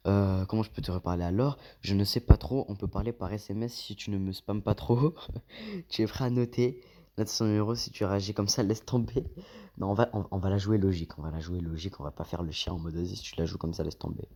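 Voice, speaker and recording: A man with a low, mellow voice gives let's play commentary. He reads the game's lines aloud and keeps drifting into long, slangy asides. His delivery is loose and talkative. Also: fast. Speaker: gaming YouTuber.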